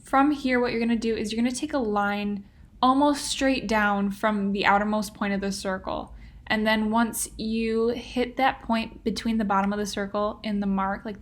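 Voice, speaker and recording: A young woman hosting a casual step-by-step drawing lesson, chatty and playful, with lots of "like" and "um". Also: mid-range voice. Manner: chatty and playful, many fillers like "like" and "um". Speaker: drawing tutorial host.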